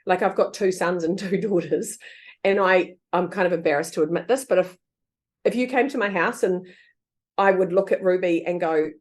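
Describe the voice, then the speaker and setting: A woman in her fifties, a guest author in a casual interview chat, who talks lively, laughs often and acts out quoted voices. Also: lowish voice, normal speed.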